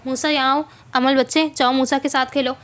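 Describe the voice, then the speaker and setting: A woman's voice: sits high, level tone, fairly quick, a bit bright. A woman voicing a kind female friend who comforts a grieving mother and promises help. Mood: concerned. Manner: comforting, concerned. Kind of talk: novel reading.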